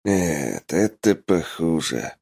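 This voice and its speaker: A man's voice: low-pitched, sing-song, slow pace, gravelly, darkish tone, slightly rough, heavily acted. A man voicing a stern male squad commander in an audiobook, giving curt, firm replies. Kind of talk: audiobook character voice.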